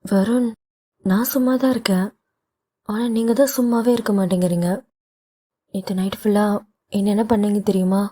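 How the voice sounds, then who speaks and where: A teasing young wife coaxes and comforts her husband in an audio novel, as the reader puts her on. Her voice is mellow and warm, playful and gently coaxing. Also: medium pitch, fairly even intonation, moderate pace, pauses often, natural voice.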